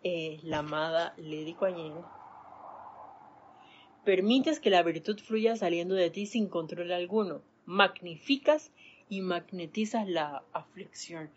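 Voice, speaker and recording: A woman giving a spiritual talk on a live stream, animatedly acting out everyday scenes as she teaches. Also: fairly low pitch. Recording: dull lo-fi sound, faint background noise.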